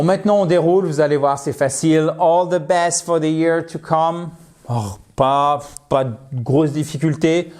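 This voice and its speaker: A lively man gives an English lesson live online, speaking into his own microphone. He jokes with his viewers and keeps the tone playful. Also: on the high side. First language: French. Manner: lively, playful, addresses viewers as dear friends. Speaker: English teacher. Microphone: personal microphone.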